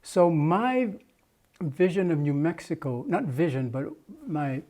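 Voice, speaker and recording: A man's voice: fairly high pitch, lively intonation, slow, warm tone. An older man from Jamaica, a muralist, recalling his past at length in an oral history interview, with many restarts and fillers.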